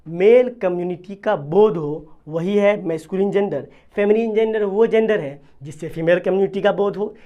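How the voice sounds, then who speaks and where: A grammar teacher giving a video lesson, who keeps asking questions, answers them, and repeats key terms. English definitions are read out slowly, word by word. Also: medium pitch, darkish tone, dull audio. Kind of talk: classroom-style video lesson in Hindi mixed with English terms.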